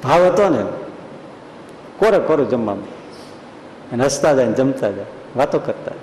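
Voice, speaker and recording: Very animated at a normal pace, a swami's medium-pitched, slightly mellow voice carries a folksy sermon story in which he acts out the people's voices. The temple school hall is echoey with a long reverb, and there's slight background noise.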